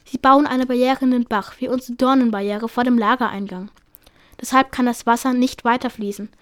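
A woman's voice: a little high, fairly even intonation, fairly quick, fairly bright tone, no room sound, clean studio sound, natural voice. A woman voicing an earnest, insistent young female apprentice cat, read aloud from a storybook with small slips.

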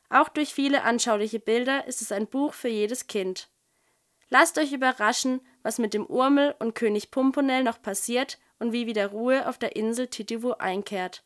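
A woman presenting a children's book and reading from it in a lively storytelling way. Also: fairly high pitch. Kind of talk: book presentation with read-aloud excerpt.

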